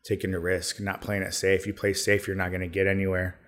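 Very low-voiced man chatting casually. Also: fairly quick. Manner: relaxed, rambling, many fillers. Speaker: podcast guest, business owner. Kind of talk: casual conversation.

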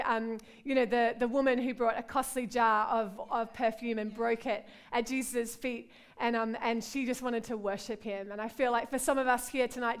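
A middle-aged Australian pastor preaches and prays at a women's conference, warm and earnest, repeating "God" and "Lord" as she prays. Her voice sits on the high side and is smooth, and her delivery is heartfelt.

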